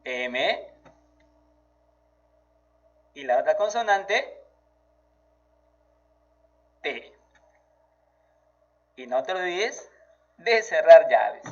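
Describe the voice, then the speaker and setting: A man teaching a math lesson to children, slow and encouraging, praising the child often. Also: fairly high pitch, sing-song. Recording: dull lo-fi audio.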